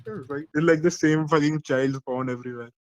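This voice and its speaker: A man's voice: a little high, fairly even intonation, a little fast. Rambling man from India on a voice call. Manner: rambling, swearing, trailing restarts. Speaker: discord call participant. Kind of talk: casual chat.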